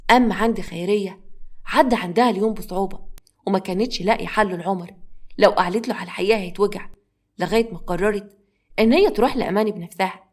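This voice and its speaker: An Egyptian woman telling a dramatic family tale at a rapid clip. Her pitch sits in a middle range, and her delivery is brisk and expressive. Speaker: storyteller. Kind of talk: dramatic story narration.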